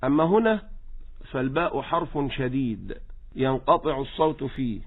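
A man teaching Quran recitation rules, patiently correcting and slowly modeling each word. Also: medium pitch, lively intonation. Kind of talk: tajweed lesson with recited examples. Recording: tinny phone-like line.

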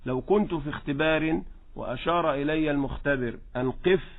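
Guy teaching tajweed, kinda high voice, slow careful corrections, sounds like a thin phone line. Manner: patient, corrective, models words slowly. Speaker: Quran recitation teacher. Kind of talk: tajweed lesson with recited examples.

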